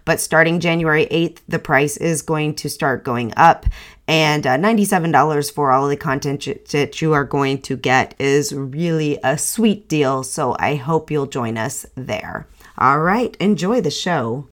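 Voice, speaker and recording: A woman hosting her own podcast in a chatty, upbeat way, sounding nasal from a cold. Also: low-pitched. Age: adult author. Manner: chatty, upbeat, with frequent ums. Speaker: podcast host. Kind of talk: casual solo podcast.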